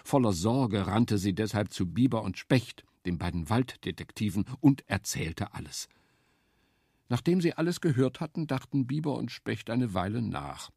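A man calmly reading a children's animal story aloud in a measured way. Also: lowish voice, vocal fry, husky, no room sound, clean studio sound.

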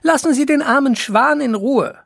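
An indignant woman calls out and scolds a stranger in a raised, much higher voice, as a narrator puts her on. The storybook reading sounds dry and close, with a gravelly edge in the tone. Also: moderate pace, a bit bright, no echo.

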